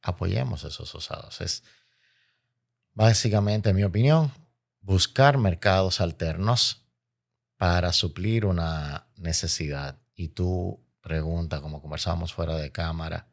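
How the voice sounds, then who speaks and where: A man's voice: sits low, measured pace, creaky. A man with a Dominican Caribbean Spanish accent, explaining as an interview guest in an emphatic, oratorical way, repeating phrases for effect. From Dominican Republic. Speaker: interview guest, logistics expert.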